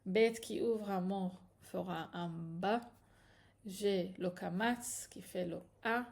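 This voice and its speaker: A woman's voice: mid-range voice, slow pace, creaky, a little mellow. A woman teaching a patient, step-by-step reading lesson, often checking in with her students. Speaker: Hebrew teacher.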